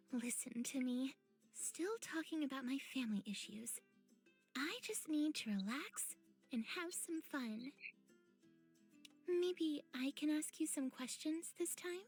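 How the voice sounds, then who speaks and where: A woman voicing a refined, chatty young woman on a date, well-spoken and gently teasing. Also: high voice, expressive, slow pace, faint music behind, exaggerated voice.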